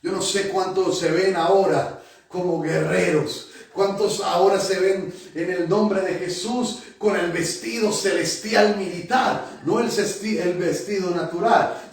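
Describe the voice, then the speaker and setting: A male pastor preaching a sermon to his congregation, emphatic, repeating phrases for effect. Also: high-pitched. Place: church hall. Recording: very echoey church hall, mic at a distance.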